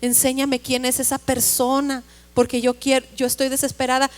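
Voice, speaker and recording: A poor, desperate woman speaks in a high voice, as a woman preacher acts her out in a sermon story. Her voice is pleading or scornful, and it echoes in a big church. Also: monotone, moderate pace, lightly acted. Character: desperate poor woman, mocking, then hopeful.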